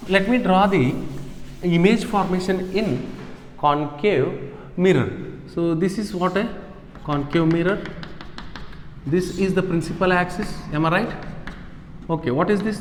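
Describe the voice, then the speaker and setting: A man's voice: sits high, a little hiss or hum. Echoey Indian man teaching science class. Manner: repeats phrases, asks and answers own questions, checks understanding. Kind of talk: classroom physics lesson. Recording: echoey, reverberant room.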